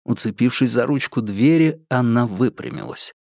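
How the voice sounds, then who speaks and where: A man's voice: medium pitch, normal speed, a little mellow, no echo, clean studio sound. A man reading a novel aloud as an audiobook narrator. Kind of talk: scripted narration.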